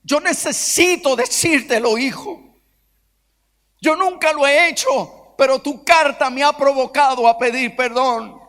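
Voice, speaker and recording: A man's voice: very high voice, unhurried, a bit bright, pitched above the performer's own voice. A male preacher voicing a remorseful older father who begs his son for forgiveness in an emotional, pleading way, as part of sermon storytelling. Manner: pleading, emotional, repeated appeals. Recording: long church auditorium reverb.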